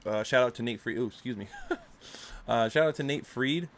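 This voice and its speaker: A podcast host with allergies sounds stuffed up as he talks loosely, full of fillers, on a casual chat show. His medium-pitched voice moves at a moderate pace, picked up by a desktop microphone in a room at home with loud rain outside and a little hiss or hum.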